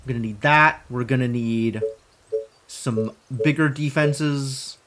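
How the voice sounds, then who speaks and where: A man's voice: medium pitch, slow, fairly bright tone. A man giving casual gameplay commentary, thinking aloud as he plays. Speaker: gamer playing and commentating. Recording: clear background noise.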